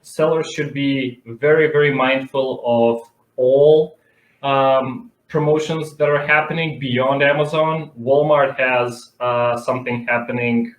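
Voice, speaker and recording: A man's voice: medium pitch, fairly even intonation, slow. A man from North Macedonia, speaking conversationally as an expert guest in an interview. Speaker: interview guest, advertising director. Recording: echoey room sound.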